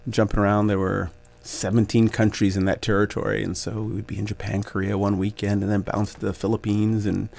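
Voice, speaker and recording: A man in his forties with a lowish, gravelly voice talks as a radio guest. He reflects warmly on his coaching career, chuckles often, and works through his thoughts with plenty of ums and restarts. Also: level tone, brisk, hardly any pauses. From Canada. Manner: reflective, grateful, laughs easily, many fillers. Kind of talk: radio interview conversation.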